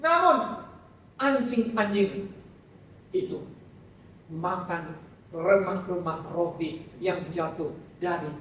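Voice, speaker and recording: A woman's voice: fairly low pitch, lively intonation, slow, pauses often, very echoey, far from the mic, slight background noise, voice pushed down. A male preacher voicing a desperate foreign mother who cries out and begs for help for her daughter. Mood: pleading. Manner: pleading, crying out.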